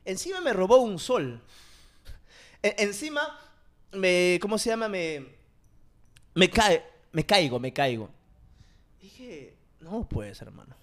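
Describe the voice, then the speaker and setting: Young guy in his 20s, casual chat, super lively up and down voice, laughs a lot. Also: high voice, takes it slowly, long pauses. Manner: animated storyteller, laughs often, acts out quotes.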